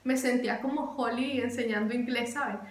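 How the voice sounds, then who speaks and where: A woman's voice: on the high side, steady tone, brisk. A young woman chatting animatedly as a vlogger, repeating words for emphasis. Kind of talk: casual chatty explainer. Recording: echoey room.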